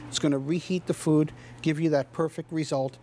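A man's voice: on the high side, steady tone, a little fast, dark tone, a little hiss or hum. A middle-aged man, a chef giving an enthusiastic, emphatic home shopping demonstration. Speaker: chef, culinary consultant demonstrating a product. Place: kitchen set in a TV studio.

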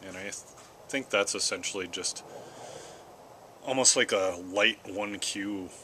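An American man with a fairly low voice rambles casually and without hurry. He pauses between phrases to puff on a pipe, which makes his delivery halting. He is recorded outdoors in a backyard, with clear ambient noise behind him. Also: pushed and bright. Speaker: vlogger. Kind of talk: casual rambling solo chat. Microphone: camera at about arm's length or a little more.

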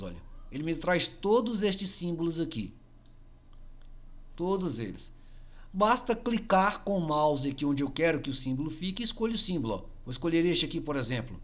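A man explaining a software tutorial step by step, often saying "look" and "see". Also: fairly high pitch. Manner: chatty, keeps saying "olha" and "tá vendo"; step-by-step explaining while clicking. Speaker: blogging tutorial host. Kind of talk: screen-recorded software tutorial.

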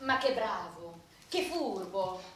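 An actress playing a sharp-tongued, scornful wife in a live stage comedy, with a cutting, sarcastic delivery. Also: female voice, medium pitch, lively intonation, slow, slight background noise. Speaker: stage actor. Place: theatre stage. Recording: echoey hall from far off.

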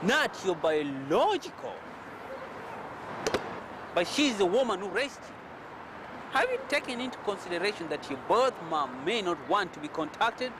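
Man playing a calm, reasoning friend. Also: sits high, normal speed, pauses often, background noise. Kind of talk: indie film drama acting.

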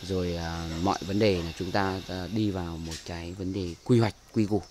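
Northern vietnamese guy talking casually outside, deep voice, faint noise. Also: fairly even intonation, moderate pace. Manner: chatty, many fillers and repeated words. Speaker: bird breeder showing his aviary. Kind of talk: casual walkthrough narration. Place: outdoor bird aviary. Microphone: handheld camera mic.

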